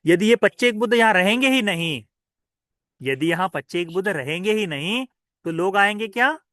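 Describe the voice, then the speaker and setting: An irate male farmer chasing people off his fields, his fairly high voice scolding and repeating itself in a storyteller's tale, dry and close, as a man acts him out. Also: animated, normal speed, sharp tone, dry recording. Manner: scolding, repetitive pleading. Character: angry male farmer guarding his crops.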